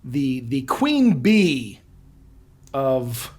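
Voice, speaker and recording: A man co-hosting a film review show, casually recapping with halting, repetitive phrasing. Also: mid-range voice, very animated, a little mellow. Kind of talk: casual amused movie recap chat.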